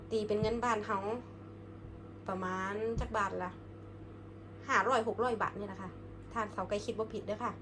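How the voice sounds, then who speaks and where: A woman's voice: medium pitch, background noise. A woman with an Isan Thai accent chatting casually to viewers in a food vlog, often using polite, familiar particles. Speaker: food vlogger.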